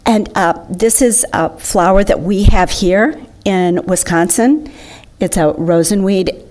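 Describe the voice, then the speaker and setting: A woman's voice: fairly low pitch, darkish tone. A woman giving an enthusiastic, chatty slideshow talk to an audience. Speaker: presenter.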